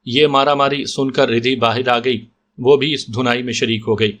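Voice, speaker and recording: Male narrator for an audio story, middle pitch, even steady reading. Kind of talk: scripted narration of a detective story.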